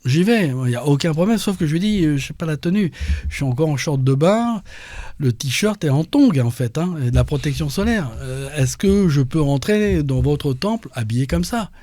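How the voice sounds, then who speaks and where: Man guest, dark mellow tone, halting personal testimony. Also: fairly high pitch, no room sound. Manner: halting storytelling with many restarts. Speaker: interview guest.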